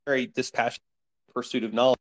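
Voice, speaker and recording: A man's voice: medium pitch, flat delivery, fast. Man on a choppy, cutting-out call line. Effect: choppy voice cutting in and out over a call connection. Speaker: podcast guest. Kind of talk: remote podcast interview. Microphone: video call.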